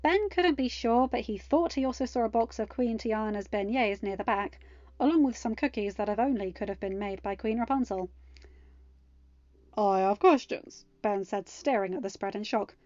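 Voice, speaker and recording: Her voice a little high and a little mellow, this podfic reader narrates fan fiction at a slightly quick pace for the channel she hosts. It's a dry, close home recording with a slight muffle, ending in an excitable, chatty goodbye.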